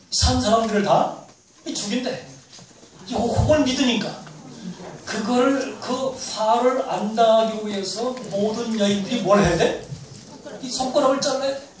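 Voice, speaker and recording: A male pastor telling a mission story in a sermon, acting out the dialogue with lively shifts in voice. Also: a little hiss or hum. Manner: animated storyteller, acts out dialogue with rising pitch. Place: church hall. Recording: echoey church hall, distant mic.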